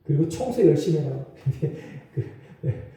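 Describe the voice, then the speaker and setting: A man's voice: a little high, very animated, normal speed, dark tone. A man preaching a sermon as pastor, talking in a loose conversational way with asides and small laughs. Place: church sanctuary. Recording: roomy echo, mic far off.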